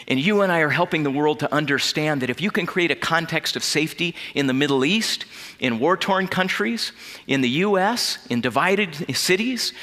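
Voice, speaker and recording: A man giving an earnest storytelling keynote as a corporate trainer, dropping to a hushed voice at emotional moments. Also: on the high side. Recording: long reverb of a large hall.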